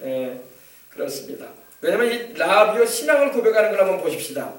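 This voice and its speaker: A man's voice: sits high, big pitch swings, fast, roomy sound, distant mic. A man preaching a sermon as pastor, often calling out hallelujah and acting out quoted dialogue. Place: church sanctuary.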